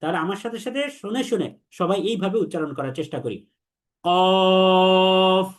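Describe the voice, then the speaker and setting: High-voiced man drilling Arabic letters. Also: lively intonation. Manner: slow, repetitive drilling, has students repeat after him. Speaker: Arabic teacher. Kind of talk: online lesson on Arabic letters.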